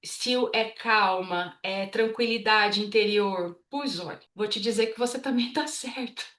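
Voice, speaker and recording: A woman's voice: mid-range voice, fairly bright tone, echoey room. Chatty Brazilian woman teaching English. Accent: Brazilian Portuguese. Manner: chatty, reads English examples slowly. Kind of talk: casual explanatory lesson.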